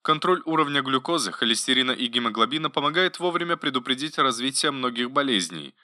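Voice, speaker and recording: A man reading an audiobook, voicing a gentle, caring female robot assistant in a pleasant, politely attentive voice. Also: medium pitch, expressive, quick pace, no echo, studio quality, pitched above the performer's own voice. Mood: concerned. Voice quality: pleasant, solicitous voice. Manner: softly attentive, politely informative. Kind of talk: audiobook narration.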